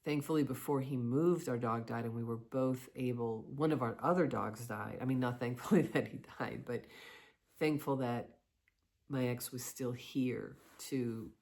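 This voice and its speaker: A middle-aged woman, a vlogger, shares personal experiences in a confessional monologue, speaking haltingly and reflectively with frequent pauses between short phrases. Her voice is very deep and gravelly, with a darkish tone.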